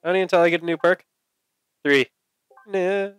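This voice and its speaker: A man with a high, clean voice hosts a gaming video at a normal pace, joking casually, muttering to himself and exclaiming. Video game music plays behind him, with no room sound.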